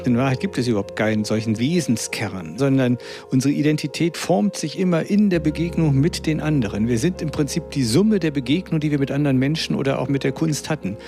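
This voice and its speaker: A man's voice: medium pitch, brisk, mellow, soft background music. Man explaining in a thoughtful, lecturing tone. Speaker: interviewed expert. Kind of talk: reflective explanation.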